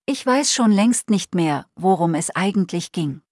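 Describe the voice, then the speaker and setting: Woman doing a lonely old grandpa, regretful, slow soft delivery, dry close sound, storybook. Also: lowish voice, lively intonation, dry recording. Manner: sad, regretful, softly pleading.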